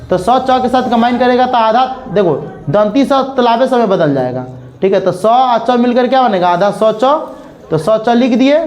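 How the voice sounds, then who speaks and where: A young man with a Bihar Hindi accent teaches a grammar lesson, his voice sitting notably high. He spells out each example slowly, repeating words, and keeps checking with students whether it is clear. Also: darkish tone.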